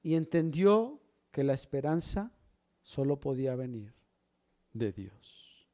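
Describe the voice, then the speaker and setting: A man preaching a sermon, swinging from loud emphasis to hushed low lines and asking the congregation questions as brothers. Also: big pitch swings, slow. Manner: asks the congregation questions, addresses them as brother. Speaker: pastor.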